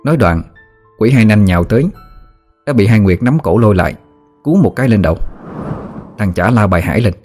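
Một người đàn ông miền Nam đọc truyện ma dân gian, giọng trầm vừa, gần gũi. Âm nền là tiếng nhạc khẽ. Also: male voice, on the low side, expressive, brisk, long pauses, a little mellow, soft background music. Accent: Southern Vietnamese. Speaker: storyteller. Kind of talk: audiobook narration.

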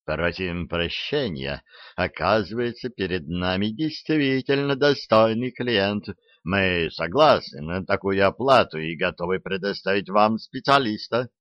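A man plays a fawning boss who speaks slowly and smoothly in a low voice. The recording is dry and dull. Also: animated, no room sound. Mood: ingratiating. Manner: smooth, ingratiating, slow. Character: ingratiating male agency boss.

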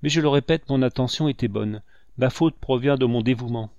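A man's voice: medium pitch, fairly quick, vocal fry, darkish tone, no echo, highs cut off, close to an everyday voice. A man voicing a devoted, remorseful male captain, speaking humbly and pleadingly. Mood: pleading, contrite.

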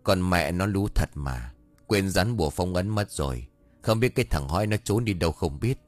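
A man's voice: low voice, expressive, moderate pace, no room sound, soft background music. A man voicing a grumpy, cunning old male exorcist who scolds and mutters curses in a ghost story. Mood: gruff grumbling.

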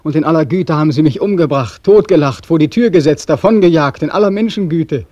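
A bitter young war veteran. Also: male voice, on the low side, unhurried, dark tone, dry recording, highs cut off. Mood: agitated. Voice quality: bitter, mocking, swings into anguished outbursts. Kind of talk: radio drama acting.

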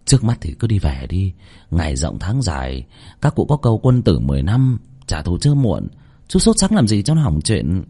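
A man voicing a bitter young male servant who talks gruffly and low, in a read-aloud story. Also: wildly swooping pitch, normal speed, warm tone, exaggerated voice. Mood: cautioning. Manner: gruff, low cursing advice.

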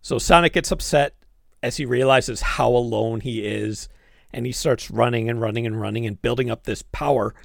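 Gravelly man chatting about movies. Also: medium pitch, moderate pace, no echo, studio quality. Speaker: podcast co-host. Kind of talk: casual movie-review chat.

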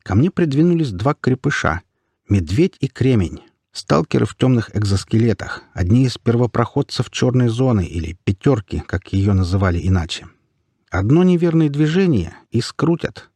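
A man narrating an audiobook in the first person, expressive in his storytelling. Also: mid-range voice, normal speed, slightly rough, no room sound.

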